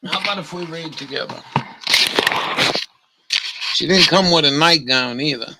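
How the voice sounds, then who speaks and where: A man's voice: a little high, moderate pace, heavy background noise. A man with a Maine accent, hosting a livestream in crude, joking, rambling chat and mockingly reading things aloud. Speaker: livestream host.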